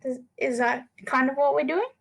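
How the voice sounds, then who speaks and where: A woman playing a tabletop role-playing game, speaking hesitantly and politely with halting restarts. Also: sits high, vocal fry. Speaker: player.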